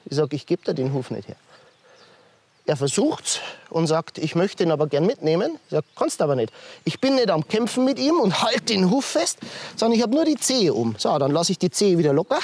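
A man, a horse trainer demonstrating hoof handling step by step, softly praising the horse between explanations. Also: high voice, big pitch swings, fairly quick. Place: outdoors with a horse.

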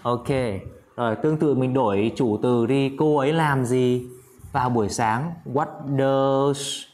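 A man teaching an English lesson in Vietnamese, drilling English phrases slowly and often checking that his students follow. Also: mid-range voice, a little mellow. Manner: drills English words slowly, repeats himself, coaxing checks. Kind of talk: classroom-style video lesson.

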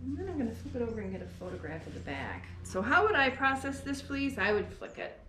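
High-pitched and quick, with big pitch swings, a middle-aged woman gives an enthusiastic, casual demonstration as she skirts fleece at a barn table. She farms sheep and sells fleece; a tripod camera a few feet away records the echoey barn, its faint ambience, and noisy background.

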